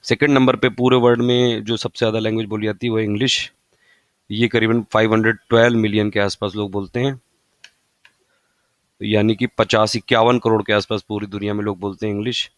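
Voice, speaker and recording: A man explaining exam facts in a casual, rambling lesson, repeating points and pausing with fillers. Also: lowish voice, little pitch movement, dry recording. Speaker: exam-prep tutor.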